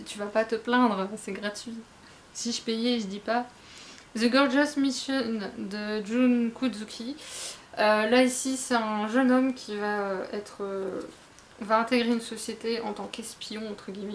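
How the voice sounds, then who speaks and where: A woman's voice: mid-range voice, slight background noise. A woman giving a casual, rambling spoken review of manga. She hesitates a lot, corrects herself and talks straight to her viewers with frank asides. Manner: chatty, addresses viewers directly. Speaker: manga reviewer, book blogger.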